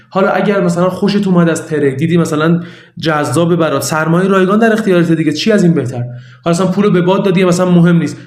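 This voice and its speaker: A man's voice: a little high, a little mellow, echoey room. A man walking viewers through a website signup in a chatty, repetitive tutorial. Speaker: online money-making tutor. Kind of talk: casual screen-recorded tutorial.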